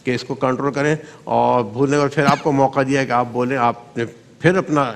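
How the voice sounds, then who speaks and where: A man judging a speech contest on a TV show, giving gentle, fatherly feedback to young contestants. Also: medium pitch, fairly even intonation, gravelly, long reverb tail. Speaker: debate judge. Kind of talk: TV competition judging. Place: TV studio.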